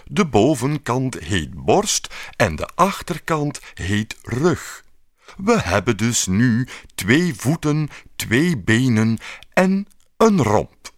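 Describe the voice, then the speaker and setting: A man's voice: medium pitch, sing-song, dry recording, studio quality, voice pushed up. Rustige, uitleggende beeldenmaker, voorgelezen door een man in een kinderverhaal. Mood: explaining. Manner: slow and explaining, drawn out. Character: patient, slow old sculptor.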